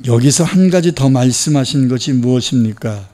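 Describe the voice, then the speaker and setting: A man's voice: mid-range voice, animated, moderate pace, mellow. A man, a pastor, preaching a sermon with emphatic rhetorical questions and acted-out dialogue. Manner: acts out quoted dialogue.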